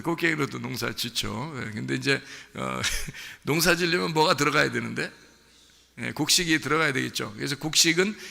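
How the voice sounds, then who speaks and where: A man's voice: mid-range voice, gravelly, pushed and bright, big-room sound. A male pastor preaching a sermon in a conversational way, quizzing the congregation as he goes. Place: church sanctuary.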